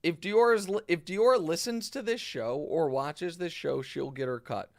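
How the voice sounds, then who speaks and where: A man hosting a casual sports talk show, emphatic and animated, often restarting his sentences. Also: on the high side, unhurried, vocal fry, dry recording, clean studio sound. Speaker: host.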